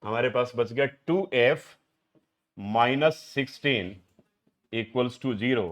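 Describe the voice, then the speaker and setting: A man's voice: medium pitch, takes it slowly. A middle-aged man from India teaching math to a live class, keeps quizzing students as he works through each step. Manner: questioning students, mixing Hindi and English. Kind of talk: classroom lecture.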